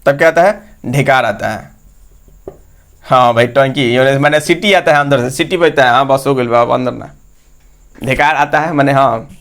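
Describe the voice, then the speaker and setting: A man teaching an exam-prep lesson, repeatedly asking his listeners questions and answering them himself. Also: mid-range voice.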